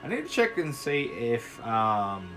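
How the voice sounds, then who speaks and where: Young aussie guy chatting thru his game, rambly, laughs a lot, low-key music behind. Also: huge pitch swings, a little slow, a bit bright. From Australia. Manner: chatty, rambling, laughs easily, sings to himself. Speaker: gaming YouTuber. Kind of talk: casual commentary while playing.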